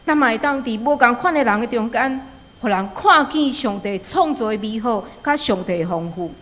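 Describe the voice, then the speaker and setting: A woman preacher with a Taiwanese accent delivers a sermon in a fairly high voice. She moves between storytelling and exhortation, often posing rhetorical questions. Her words ring out with the long reverberation of a hall. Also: animated, moderate pace, a bit bright.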